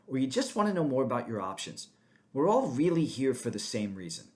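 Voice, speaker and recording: A man's voice: medium pitch, darkish tone. Earnest male webinar host. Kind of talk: scripted narration.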